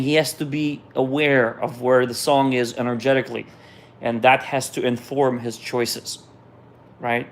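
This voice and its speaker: A mid-range voice belongs to this middle-aged musician, a Russian native speaker from Israel, who reads viewer questions aloud and responds in an easygoing, conversational style, frequently letting sentences trail off before restarting.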